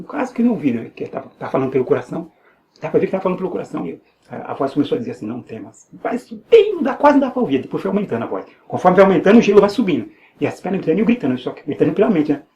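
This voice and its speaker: A man's voice: a little high, a little mellow, a little hiss or hum. A man with a Brazilian Portuguese accent giving an earnest personal religious testimony, repeating phrases and restarting often. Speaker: evangelical believer giving testimony.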